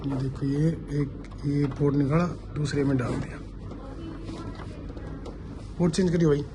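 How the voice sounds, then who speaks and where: A fairly high-voiced man, a vlogger who installs CCTV, chats casually to his viewers while on location at work sites, explaining informally as he works. His voice has a certain flavour, his intonation is fairly even and his speed normal. Location noise, including traffic, is clearly audible.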